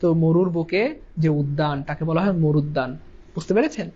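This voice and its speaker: A man's voice: fairly high pitch, moderate pace, mellow. A man teaches an English grammar lesson, repeating his points and asking and answering his own questions. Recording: dull lo-fi sound.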